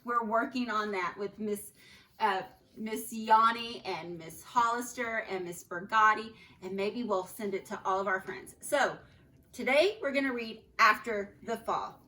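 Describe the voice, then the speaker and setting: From home, a teacher reads a picture book aloud to her students in an expressive, unhurried way, her voice medium-pitched. She adds gentle asides to the children as she goes.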